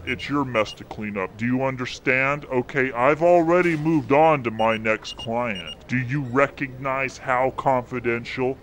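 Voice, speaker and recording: A man voices a contemptuous male doctor speaking through a disguised, lowered voice. His tone keeps swooping up and down as he brushes people off with crude, profane disdain. It plays as a comedic spoof ad. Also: fairly bright tone. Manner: rude, callous, profane. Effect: disguised voice, pitched down. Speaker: fake doctor in a parody ad.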